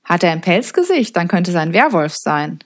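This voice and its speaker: A woman reading an audiobook, voicing a calm father who speaks quietly and teases gently. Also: lowish voice, moderate pace. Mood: teasing. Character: calm, dryly joking adult father.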